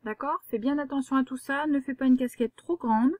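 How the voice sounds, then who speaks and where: A woman's voice: high voice, fairly quick, a little mellow. A woman, a primary school teacher giving a patient, step-by-step handwriting lesson to a young child.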